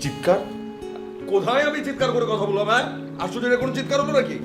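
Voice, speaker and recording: A man playing a loud blustering husband. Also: very high-pitched, lively intonation, rapid-fire, reverberant, loud music behind the voice. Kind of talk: comedy TV drama acting.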